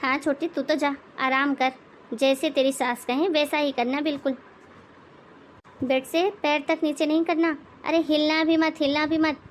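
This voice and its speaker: A woman voicing an outspoken elder daughter-in-law in an animated moral story, lecturing and sarcastic. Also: high voice, normal speed, a little hiss or hum, close to an everyday voice.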